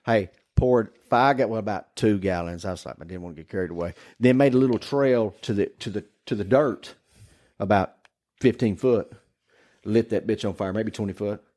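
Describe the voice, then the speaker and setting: A man's voice: lowish voice, moderate pace, darkish tone. Man, rambling ghost-story teller, cusses a lot, chatty podcast guest. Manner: rambling, profane, laughing through his story. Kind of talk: casual ghost story chat.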